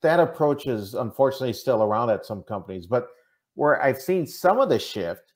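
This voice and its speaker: A middle-aged man from Minnesota in the American Midwest, a diversity consultant, answers interview questions earnestly and conversationally, often checking in with "right?" He's indoors on a video call using its microphone, and his mid-range voice is expressive and a little fast.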